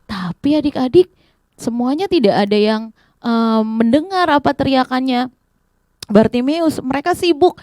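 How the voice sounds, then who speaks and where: An animated woman tells a Bible story to children, speaking straight to them. Her voice sits a bit high. The recording is dry and close. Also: normal speed, no room sound. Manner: animated, addresses kids directly. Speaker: children's Sunday school teacher.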